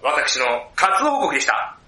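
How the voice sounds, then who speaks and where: A man's voice: fairly high pitch, big pitch swings, moderate pace, noisy background. A man co-hosting a casual movie review podcast, talking with many fillers and laughing easily. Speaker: podcast co-host. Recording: roomy echoey room.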